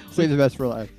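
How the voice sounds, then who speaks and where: A man's voice: fairly high pitch, mellow. A young man co-hosting a casual podcast, easygoing and rambling with many restarts. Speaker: podcast co-host. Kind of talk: casual chat.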